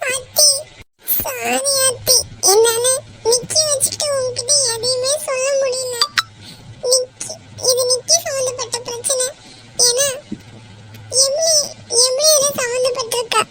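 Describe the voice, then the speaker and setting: A woman voicing a tearful squeaky cartoon girl. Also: brisk, faint music behind, rough recording. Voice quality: very high shifted cartoon voice. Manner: sobbing, pleading. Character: tearful young woman pleading her love. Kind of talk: cartoon voice acting.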